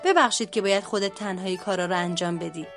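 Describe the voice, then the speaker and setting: A woman voicing a calm, kind father bear in a storybook. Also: mid-range voice, faint music behind, natural voice.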